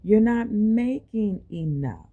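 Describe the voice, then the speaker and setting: A woman's voice: mid-range voice, animated, takes it slowly, phone-quality sound. A woman delivering an impassioned personal monologue in colloquial, informal phrasing, emphatic and full of rhetorical questions. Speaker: medical clinic worker.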